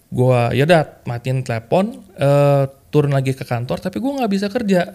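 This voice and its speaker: Slangy man telling his story. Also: moderate pace. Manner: animated, slangy, full of fillers like "kayak" and "gitu kan"; acts out remembered quotes with lively jumps in pitch. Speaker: podcast guest sharing a testimony. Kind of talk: casual storytelling chat.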